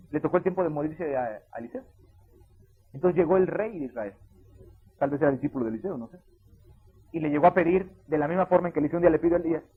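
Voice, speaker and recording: A man preaching a sermon as pastor, swinging between loud emphatic bursts and quiet asides. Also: a little high, slightly rough. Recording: tinny phone-like sound.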